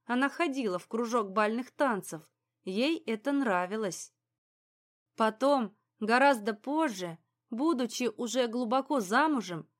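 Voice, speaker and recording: A woman reading an audiobook in a calm, even storytelling manner. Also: a little high. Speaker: audiobook narrator. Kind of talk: scripted audiobook narration.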